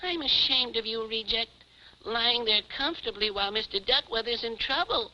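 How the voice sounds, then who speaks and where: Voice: medium pitch, moderate pace, sharp tone. An actor voicing a plucky, kindly boyish puppet from Jupiter in a 1950s television show, exclamatory and bossy but caring. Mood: urgent, scolding. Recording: muffled 1950s television soundtrack, faint hiss.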